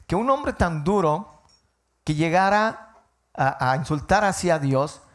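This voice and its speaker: A man, a pastor preaching a sermon and telling a personal story with emotional rises and falls. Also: on the high side. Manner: emotional storytelling, voice rising and falling.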